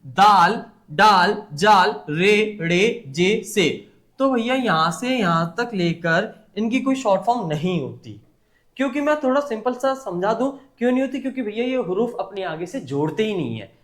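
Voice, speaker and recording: A man's voice: high-pitched, very animated, brisk. A young man teaching a writing lesson at a board, patiently asking and answering his own questions. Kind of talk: whiteboard lesson.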